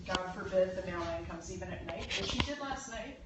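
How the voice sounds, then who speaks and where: A woman's voice: lowish voice, lively intonation, fairly quick, far from the mic. Chatty woman in a roomy, noisy shop. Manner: laughing, chatty storyteller. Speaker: podcast co-host. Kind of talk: casual chat. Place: workshop at a rural property.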